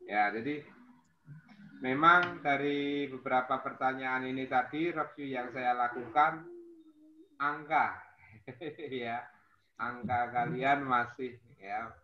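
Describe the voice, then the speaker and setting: Man teaching class, patient, lots of "ya", roomy muffled sound w/ faint hiss. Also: medium pitch. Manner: patient, explains slowly with many fillers. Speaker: Japanese language teacher. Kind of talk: online language class.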